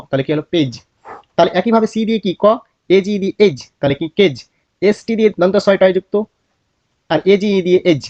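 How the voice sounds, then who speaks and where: Brief: male phonics teacher, Bangladeshi accent, a bit high-pitched, spells and repeats words in a dry, slightly dull recording. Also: darkish tone, no room sound. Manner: asks a question and answers it himself, drills words repeatedly. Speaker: English teacher.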